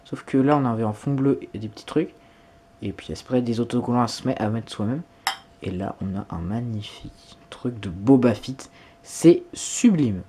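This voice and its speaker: Filming an unboxing vlog at home, this YouTuber enthusiastically gushes over every item, exclaiming often. He has a mid-range, mellow voice with a breathy edge and speaks at a normal speed.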